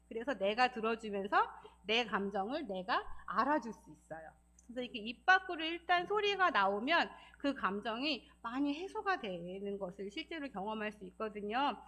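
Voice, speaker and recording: A woman with a fairly high voice gives a Sabbath school talk in church. She speaks in a lively, encouraging way, often laughs, and acts out quoted feelings in changing voices. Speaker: deaconess giving a church lesson.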